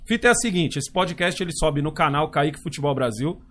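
A man's voice: on the high side, expressive, fairly quick, a bit bright. A middle-aged man, hosting a casual podcast with his son, slangy and swearing freely. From Brazil. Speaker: podcast host.

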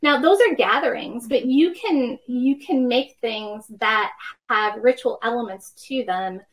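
On a conversational podcast interview, a worship professor in her fifties takes an unhurried pace, her voice a little high and the audio poor. She uses personal anecdotes to explain her ideas in a reflective way.

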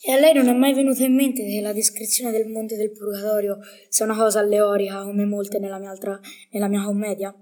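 A woman's voice: mid-range voice, little pitch movement, fairly quick, mellow, close to an everyday voice. A woman playing a learned, proud medieval male poet in a scripted radio interview, speaking in a formal, didactic way. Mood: condescending. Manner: formal, didactic, bookish phrasing.

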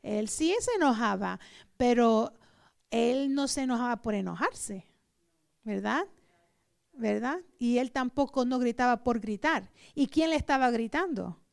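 Pastora de voz raspada. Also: female voice, a little high, animated, unhurried. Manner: rhetorical questions to the congregation, swings from loud to soft. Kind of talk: Pentecostal sermon.

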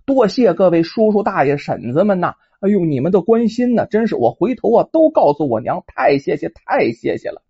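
A woman voicing a kind, dutiful young village girl who speaks softly and earnestly. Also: fairly low pitch, very animated, fairly quick, few pauses, husky, exaggerated voice. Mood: cordial. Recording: dull lo-fi recording.

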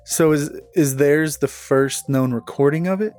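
A man's voice: fairly high pitch, unhurried, darkish tone. A man hosting a podcast in casual chat, playfully argumentative and enthusiastic about music. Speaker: podcast host.

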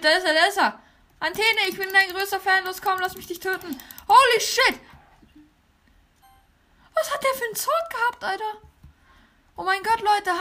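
Woman playing a shrill, overhyped star YouTuber. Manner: exaggerated high put-on voice; constant excited exclamations. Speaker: let's player. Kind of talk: gameplay let's play.

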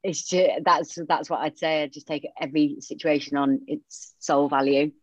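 A Romanian woman with a Yorkshire accent chats openly as a podcast guest in a casual interview, using plenty of fillers. Her voice is low-pitched with fairly even intonation and a normal pace. The audio is dull and muffled, with no echo.

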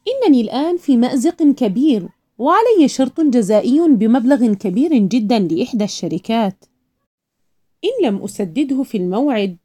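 A woman's voice: on the high side, mellow. A woman voicing a businessman worried about debts, talking earnestly with his fiancée. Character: worried businessman in love, under pressure.

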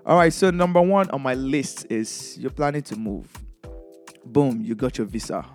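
Chatty Nigerian-accented DJ giving tips. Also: male voice, medium pitch, moderate pace, faint music behind. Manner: lively, chatty, laughs often. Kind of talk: casual advice vlog.

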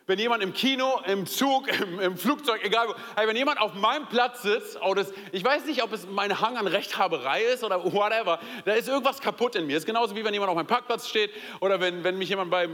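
Animated German-speaking preacher in a reverberant hall. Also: male voice, high-pitched. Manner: animated, conversational preaching with many fillers and direct address. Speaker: pastor. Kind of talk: sermon. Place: church hall.

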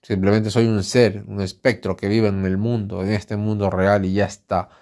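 A man from Spain, speaking with a Spanish accent, hosts a casual solo podcast alone at home, rambling in a candid, outspoken way. His voice is lowish and a little mellow, with little pitch movement at a normal speed.

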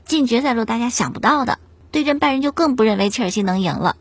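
Female host, casual storyteller; breathy, slightly high voice, dry close sound. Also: rapid-fire, no echo. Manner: chatty, animated storytelling with rhetorical questions. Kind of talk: casual storytelling commentary on football.

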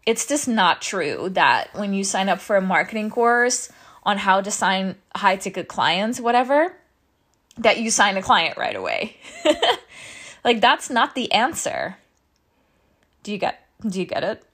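A woman's voice: mid-range voice, very animated, unhurried, fairly bright tone. A woman in her thirties, a business coach talking casually to her audience, out of breath, chatty and asking "right?" often. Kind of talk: casual teaching talk.

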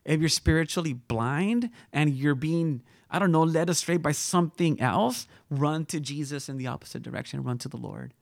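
A man delivers an informal sermon in a somewhat high voice with a gravelly edge. He talks to his listeners rather than at them, throwing out rhetorical questions between scripture readings and prayer. The sound is dry and close. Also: moderate pace, few pauses, no echo. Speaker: pastor.

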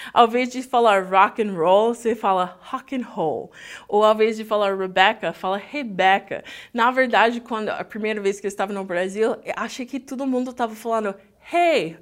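Woman teaching in Portuguese. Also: fairly high pitch. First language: English. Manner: lively, switches between Portuguese and English. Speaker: English teacher. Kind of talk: language lesson, explaining lyrics.

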